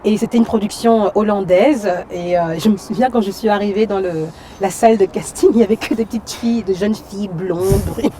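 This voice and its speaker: A woman from Cameroon, a stage actress and singer, talks casually as an interview guest outdoors in a city. Her voice is warm and mellow at a middle pitch. She talks in a lively way, leaning on fillers and checking in with "you see". A faint hum of traffic sits behind her. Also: fairly quick, few pauses. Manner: lively, frequent fillers and "tu vois".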